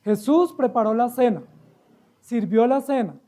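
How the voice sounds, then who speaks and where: A man's voice: very high-pitched, measured pace, mellow. A man with a Colombian accent preaching an expository sermon as pastor, emphatic and full of rhetorical questions to his listeners.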